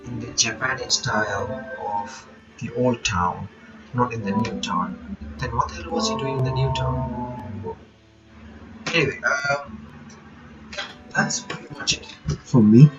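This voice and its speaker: A sleepy man hosts a reaction video, rambling casually and reading a visual novel's text aloud. His mid-range voice is unhurried and broken by frequent pauses. The lo-fi recording sounds dull, with game music in the background.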